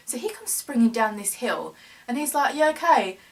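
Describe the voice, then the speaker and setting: A woman's voice: on the high side, big pitch swings, normal speed, creaky. A young woman, recounting a story in a rambling vlog chat full of "like" and bursts of laughter. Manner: rambling, filler-heavy, laughs through the telling. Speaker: vlogger. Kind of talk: casual storytelling.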